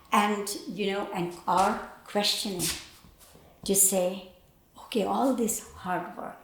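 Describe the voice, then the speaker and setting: An older Bangladeshi woman with a Bangladeshi accent and a mid-range voice reflects on her life as a painter in a personal interview. She speaks thoughtfully and haltingly with pauses, in a roomy, echoey indoor recording.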